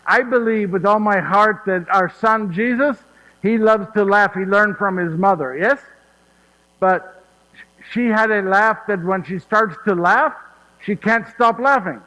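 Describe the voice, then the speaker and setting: In this one-man stage monologue, a man performs Joseph of Nazareth as a warm, chatty old storyteller, his high voice pushed and bright and his pace unhurried. He is folksy, laughs, and keeps asking "yes?", with the reverb of a hall around him.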